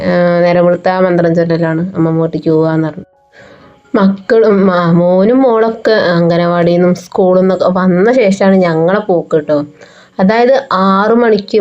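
A woman's voice: fairly low pitch, mellow. A woman, a mother narrating her family vlog in a chatty, homely way. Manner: chatty, homely storytelling with frequent fillers. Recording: slightly dull lo-fi sound, faint music behind.

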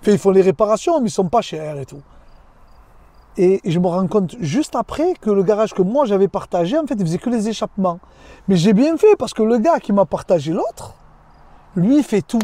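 A man in his thirties telling a casual vlog story from inside his car, lively and slangy, talking straight to the viewer. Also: high-pitched, no room sound. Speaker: vlogger.

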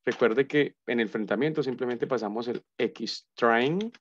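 A man's voice: mid-range voice, moderate pace, a little hiss or hum. Chatty man teaching code. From Colombia. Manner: chatty, thinks aloud, hums nonsense while typing. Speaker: university lecturer. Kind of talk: casual live coding lesson. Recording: dull lo-fi sound, dry.

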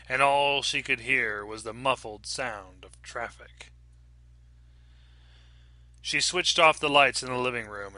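Bright-voiced man narrating a horror story. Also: mid-range voice, no room sound. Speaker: audiobook reader.

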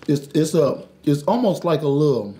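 A man talks casually as co-host of a food review in a room at home. His voice is mellow and of medium pitch, with a matter-of-fact, somewhat reserved way of giving his opinion. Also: expressive, normal speed. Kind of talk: casual chat. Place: living room at home, indoors.

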